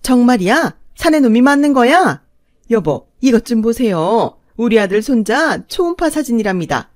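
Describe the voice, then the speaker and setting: A high, shrill older mother-in-law, quick to explode and just as quick to fuss, voiced by a woman. Her voice rides loud and sharp. The recording is close and dry. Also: big pitch swings, no echo. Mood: gushing. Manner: shrill, shouting, gushing.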